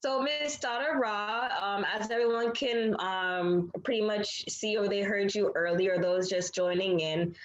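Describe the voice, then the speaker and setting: A woman's voice: mid-range voice, steady tone, measured pace, few pauses, echoey room, dull audio, a little hiss or hum. A woman interviewer asking questions in a friendly, casual way with many fillers.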